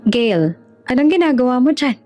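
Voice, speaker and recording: A woman's voice: sits high, big pitch swings, moderate pace, warm tone, soft background music, pitched above the performer's own voice. Woman doing an earnest young boss. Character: young man, reformed charming boss.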